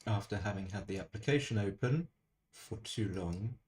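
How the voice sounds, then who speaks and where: A man's voice: on the low side, moderate pace, darkish tone. A man streaming an online backgammon game, chatting casually in a dry, self-deprecating way and muttering his thoughts to himself at a desk microphone.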